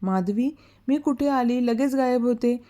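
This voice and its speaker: A woman's voice: a little high, a little slow, warm tone, pitched above the performer's own voice, lightly acted. A woman voicing a proud old grandmother who sulks and scolds, in a storybook reading. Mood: grumbling. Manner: sulky, scolding, takes offence.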